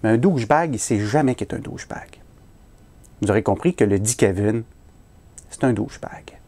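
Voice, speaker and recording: A man's voice: on the low side, expressive, fairly quick, dark tone. A man with a Québécois French accent performing a comic story, self-mocking and punchline-driven.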